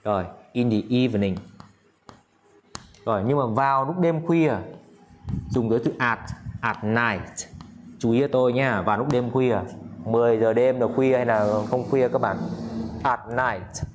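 A man teaching an English lesson in Vietnamese, drilling English phrases slowly and often checking that his students follow. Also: medium pitch, a little hiss or hum. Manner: drills English words slowly, repeats himself, coaxing checks. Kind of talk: classroom-style video lesson.

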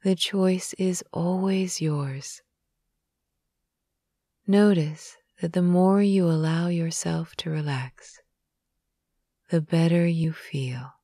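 Calm woman doing sleep hypnosis, soft and slow, sometimes whispery, dry recording. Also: on the low side, dry recording. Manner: slow, soothing, soft, with some whispered phrases. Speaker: hypnosis guide. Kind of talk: guided sleep hypnosis narration.

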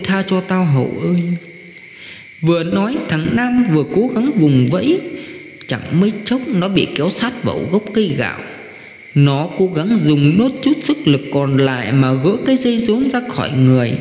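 Guy reading a spooky village ghost tale, lively pitch, echoey room with long reverb. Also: a little hiss or hum. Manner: dramatic storytelling, voices the screams and pleas in quotes. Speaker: narrator. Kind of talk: ghost story narration.

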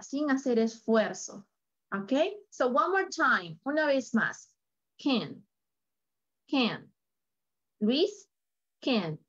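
Woman teacher, slow careful delivery, fairly high voice, lo-fi video call sound. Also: fairly bright tone. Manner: mixes Spanish and English, repeats phrases slowly for learners. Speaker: English teacher. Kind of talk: online English lesson.

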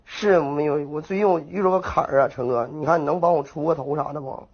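A man's voice: a little high, fast talker, breathy edge. A young man with a Northeastern Mandarin accent rambling through a prank phone call with feigned innocence. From Northeast China. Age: young adult. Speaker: prank caller.

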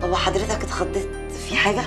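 Actress as a streetwise Egyptian sister, rapid talk, TV comedy with music. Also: female voice, mid-range voice, fairly even intonation, natural voice. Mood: earnest. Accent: Egyptian Arabic. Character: brash working-class young sister reporting a missing brother.

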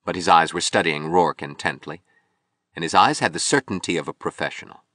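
A man narrating an audiobook novel in a measured, expressive storytelling manner. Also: sits low, dry recording, clean studio sound.

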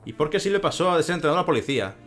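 A man's voice: a little high, animated, very fast, fairly bright tone, soft background music. A man with a Spain Spanish accent doing gameplay commentary in a sarcastic, swearing, ranting manner. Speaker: let's play commentator.

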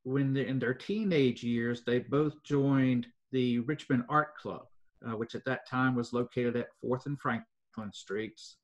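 An older man, telling local history in an interview at an even pace with many fillers. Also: mid-range voice, muffled recording. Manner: measured storytelling with frequent fillers. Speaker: foundation president, guest.

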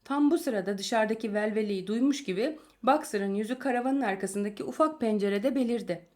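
A woman narrating a novel chapter aloud in a calm, measured storytelling manner. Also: fairly high pitch. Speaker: audiobook narrator.

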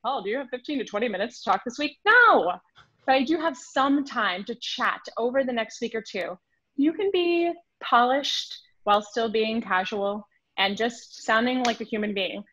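A sales consultant guest on a podcast, this Swiss woman in her thirties speaks French as her first language and joins by video call from a home room. Her delivery is quick and animated, with hand gestures and acted-out emails, and her voice sits on the high side. The dull, dry call audio has no echo.

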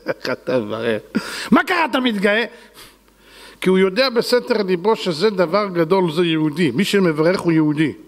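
A man's voice: sits high, long reverb tail. A man preaching a sermon as a rabbi, fervent and dramatic, acting out the voices he quotes.

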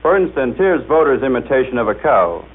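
A man's voice: mid-range voice, sing-song, brisk. An American man presenting a formal scripted demonstration with careful, showmanlike enunciation. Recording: tinny, band-limited 1930s radio recording.

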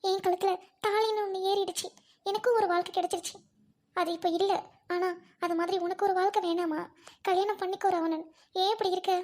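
A woman's voice: very high-pitched, steady tone, brisk, long pauses, a little mellow. A woman playing a grieving young widow, speaking in a sorrowful, pleading way as amateur drama acting.

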